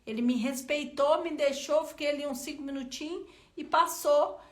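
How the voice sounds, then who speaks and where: Brazilian woman, self-help vlogger, very high bright voice, chatty and expressive, talks to the viewer directly. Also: normal speed. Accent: Brazilian Portuguese. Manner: expressive, colloquial storyteller addressing viewers directly. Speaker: self-help content creator. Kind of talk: motivational talk with personal story.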